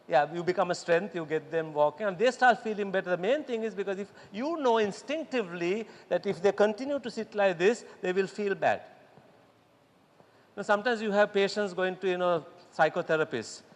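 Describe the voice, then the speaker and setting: A man giving a lively workshop talk to doctors, acting out quotes and laughing often. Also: high voice. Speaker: speaker at a medical congress workshop. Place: lecture hall. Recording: echoey hall with long reverb.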